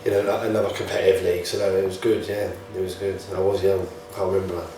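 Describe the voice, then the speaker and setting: A man's voice: low voice, level tone, fast, warm tone. A man who plays football, chatting casually and telling anecdotes in a matey way. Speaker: football player. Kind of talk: casual group chat. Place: reverberant indoor room. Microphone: distant from the speakers. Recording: very echoey room, distant mic, faint noise.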